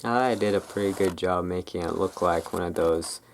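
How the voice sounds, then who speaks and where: A deep voice at a moderate pace belongs to an ASMR host casually rambling through a show-and-tell, sounding tentative and correcting himself. He speaks close to a camera's built-in microphone, which is noisy and picks up clicking sounds.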